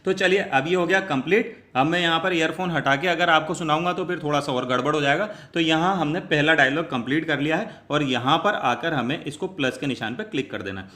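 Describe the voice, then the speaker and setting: A man walks viewers through a screen tutorial one step at a time, explaining each click patiently and calling them his friends. His voice is bright and slightly high. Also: a little fast, few pauses. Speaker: tutorial host. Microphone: wearing earphones.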